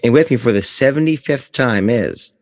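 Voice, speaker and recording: A man's voice: medium pitch, animated, normal speed, no room sound, studio quality, in a large hall. A man hosting a podcast in a casual, chatty style. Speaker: podcast host. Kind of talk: casual chat.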